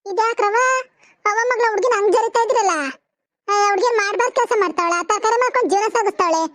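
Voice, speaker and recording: A woman's voice: extremely high pitch, fast, a bit bright, dry recording, clean studio sound. A woman voicing an outspoken, scolding village aunty in a cartoon. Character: blunt neighbourly village aunty. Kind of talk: cartoon voice acting.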